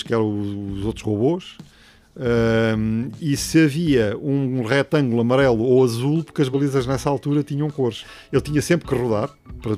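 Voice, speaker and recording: A man's voice: medium pitch, darkish tone. A middle-aged man with a European Portuguese accent explains things step by step in an interview, hesitating and adding tag questions. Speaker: robotics professor, interviewee.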